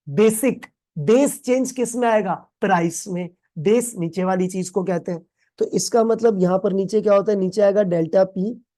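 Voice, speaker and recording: A man's voice: high voice, warm tone. A man tutoring students in a recorded exam-prep lecture. He calls them "beta", quizzes them with call-and-response questions, and explains with playful everyday examples full of English terms. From Pakistan. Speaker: accounting tutor.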